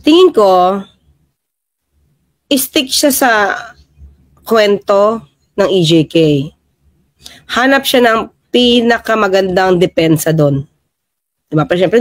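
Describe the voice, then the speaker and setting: A Filipino woman hosts a casual livestream, chatting about the news, reading viewer comments, and thanking viewers by name. Her medium-pitched voice is expressive and measured, with long pauses, in a dry recording.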